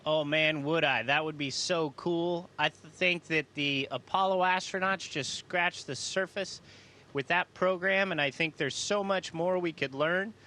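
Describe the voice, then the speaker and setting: A man with a fairly high, bright voice talks as an astronaut taking questions from students. He is casual and folksy, explaining things with open enthusiasm. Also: unhurried.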